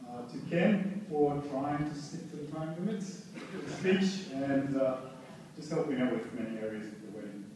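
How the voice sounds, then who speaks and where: Halting groom's speech, man, very echoey room. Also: medium pitch, warm tone. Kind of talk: wedding thank-you speech. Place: large echoing room at wedding reception. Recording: very echoey room, distant mic, noisy.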